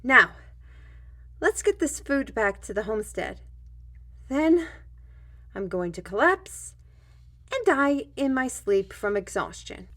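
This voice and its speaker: This woman's voice runs high, swinging widely in pitch, and she speaks slowly with frequent pauses in a fairly bright, exaggerated manner. She is a voice actor in a fantasy audio drama, playing a tired, wry artist who chats and muses while spinning stories and explaining her plans.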